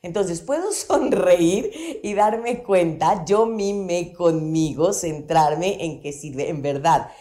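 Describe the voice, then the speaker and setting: A woman, talking about psychology on the radio in an animated, playful way with many examples. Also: on the low side, slow pace. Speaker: psychology guest on radio show. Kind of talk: conversational radio talk. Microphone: studio microphone.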